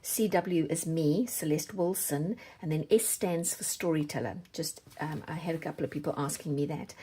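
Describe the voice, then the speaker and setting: A South African woman hosting a craft channel chats casually with viewers while doing a giveaway drawing. Her voice is deep and mellow, and there's slight background noise.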